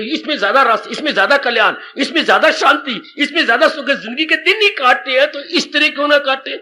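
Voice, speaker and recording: A man gives a sermon as a swami, speaking with a tinge. His voice is very high and piercingly bright. He tells stories in an animated way and speaks directly to his listeners. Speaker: swami preacher.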